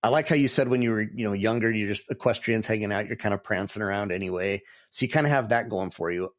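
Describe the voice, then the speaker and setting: With a fairly low voice and a fast delivery, a male podcast host chats eagerly with his guest. He rambles a bit but stays enthusiastic and warmly encouraging throughout the casual interview.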